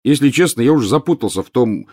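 A man's voice: mid-range voice, animated, quick pace, darkish tone, pitched above the performer's own voice, natural voice. A man voicing a blunt, grumbling teenage schoolboy in an audiobook.

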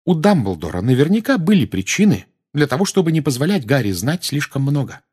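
A man with a husky voice reading aloud, putting on a fierce, protective middle-aged mother witch who talks in an indignant, commanding way. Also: fairly high pitch, sing-song, brisk, darkish tone, pitched above the performer's own voice.

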